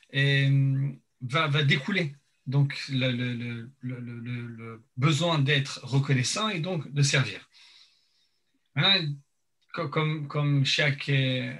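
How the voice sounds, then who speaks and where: A man teaching an informal religious lesson, speaking haltingly and searching for words, his mouth half numb from dental anaesthetic. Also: a little high, a bit bright. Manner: hesitant, repeats and searches for words.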